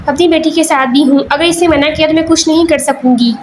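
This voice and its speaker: A caring, fair-minded middle-aged mother in a spoken storybook, measured and earnest, as a woman reader puts her on. High-pitched, with a faint hiss behind. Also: steady tone, lightly acted.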